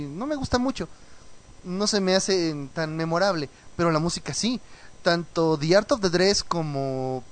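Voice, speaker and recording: A man hosting a radio show, chatting casually and reading listener messages with animated, mocking asides, troubled by a cough. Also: high-pitched. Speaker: radio host. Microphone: studio mic with headphones.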